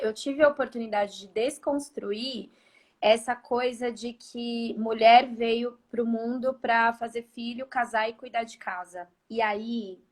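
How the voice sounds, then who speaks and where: A Brazilian woman in her thirties chatting as a guest therapist, her voice sitting a bit high. She tells her story in animated bursts, leaning on fillers, heard through a video call. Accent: Brazilian Portuguese. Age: 30s. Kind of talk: casual chat.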